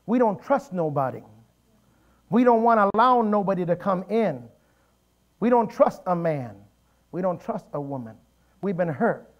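A man preaching a sermon in a church, with animated storytelling and emphatic repetition. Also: high voice, normal speed, long pauses, highs cut off. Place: church sanctuary.

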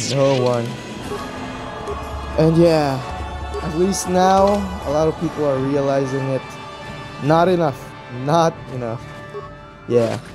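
A gaming YouTuber with a hoarse voice, rambling through casual gameplay commentary in a nearly empty room and laughing after almost every line. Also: medium pitch. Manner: laughs constantly as a habit; rambling, chatty rants. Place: mostly empty room as makeshift studio.

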